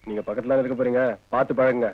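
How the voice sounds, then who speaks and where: An actor playing a simple, kind-hearted village helper with a Kongu Tamil accent, talking deferentially and politely. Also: male voice, medium pitch, fairly even intonation, very fast, close to an everyday voice. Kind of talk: film acting. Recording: dull lo-fi film audio.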